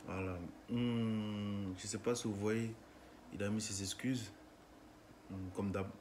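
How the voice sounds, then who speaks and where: A man's voice: lowish voice, level tone, slow pace, a little mellow, a little hiss or hum. A man with a Cameroonian French accent giving an impassioned, indignant monologue to camera, repeating himself and firing off rhetorical questions. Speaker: vlogger.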